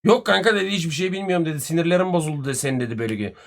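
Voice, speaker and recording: A man, telling a story casually on a live stream, animated and full of swearing and reported speech. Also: fairly high pitch, very fast, vocal fry. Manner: profane, animated retelling with much reported speech.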